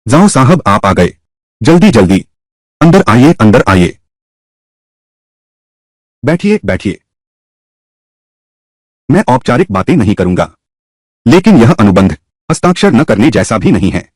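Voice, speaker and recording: A man voicing all the characters of a drama by himself, switching pitch between roles. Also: very animated, moderate pace, long pauses, no room sound. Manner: voices every character himself with shifting pitch. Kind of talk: single-voice dub of a drama.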